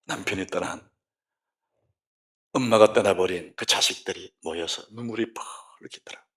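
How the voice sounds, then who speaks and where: A middle-aged man, a pastor, preaching a sermon in a church, moving between hushed whispers and loud exclamations. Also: low voice, normal speed. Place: church sanctuary.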